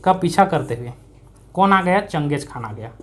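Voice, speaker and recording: A man's voice: a little high, lively intonation, normal speed, slight background noise. A man teaching an exam-prep history lesson in a conversational way. He asks his own questions, answers them, and repeats key words for emphasis, with a Chhattisgarhi-tinged accent. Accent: Chhattisgarhi-tinged Hindi.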